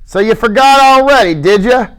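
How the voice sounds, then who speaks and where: A male reader voices a small, short-tempered working man in a storybook audiobook, giving him a high, irritable voice. The character scolds and grumbles with gruff impatience, in a slightly bright tone at normal speed.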